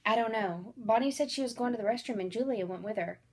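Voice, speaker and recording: A woman's voice: fairly high pitch, fast talker. A woman voicing a worried young man explaining anxiously in an audiobook.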